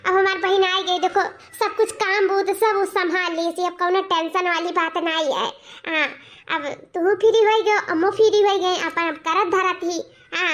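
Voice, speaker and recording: A cheerful young cartoon wife who chatters on in a Bhojpuri accent, as a woman voices her. The voice is very high and squeaky, with a bright, sharp edge that sounds almost childlike.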